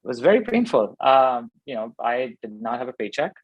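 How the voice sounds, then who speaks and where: A man in his thirties from Pakistan, a startup founder, tells his story in conversational interview answers, thinking aloud with many fillers and restarts. His husky, mid-range voice swings widely in pitch at a moderate pace. The recording has no room sound and its highs are cut off.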